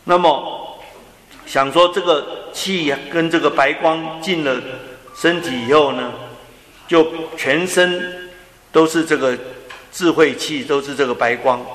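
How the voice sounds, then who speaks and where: A man giving a slow, gentle dharma talk on breathing meditation, often trailing off with soft drawn-out particles. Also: fairly high pitch, slight background noise. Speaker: Buddhist teacher. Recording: echoey hall with long reverb.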